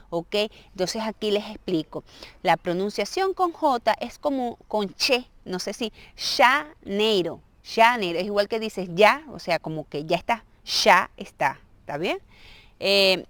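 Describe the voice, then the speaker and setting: A female language teacher, a native Spanish speaker, gives a relaxed video lesson in a medium-pitched voice on a dry recording. She explains pronunciation patiently and keeps checking understanding with a frequent "ok?".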